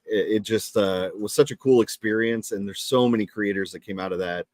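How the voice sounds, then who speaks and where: A man's voice: on the low side, fairly quick, darkish tone, dry recording, clean studio sound. A man co-hosting a comics talk show in casual chat, enthusiastic and rambling as he searches for words.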